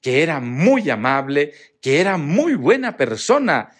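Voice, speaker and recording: Priest from mexico reading scripture then preaching, slow and drawn out, voice swings up and down a lot, acts out the people in the story. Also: male voice, on the high side, sing-song. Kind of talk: Mass readings and homily.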